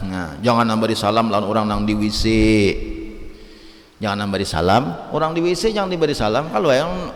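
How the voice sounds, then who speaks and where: A man with a Banjar accent giving a conversational religious lesson in an Islamic study hall, lecturing in a lively, chatty way and acting out examples. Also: lowish voice, brisk. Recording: reverberant hall.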